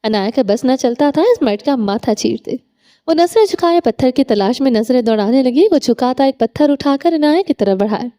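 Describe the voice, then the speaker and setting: A woman narrating a romance novel audiobook with steady, dramatic storytelling. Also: sits high.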